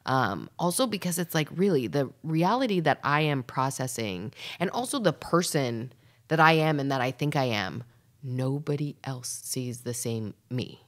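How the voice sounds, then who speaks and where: A Canadian woman comedian, a podcast guest, chatting casually and rambling, sometimes dropping to a breathy whisper. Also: rumbling low, expressive, moderate pace. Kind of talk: casual chat.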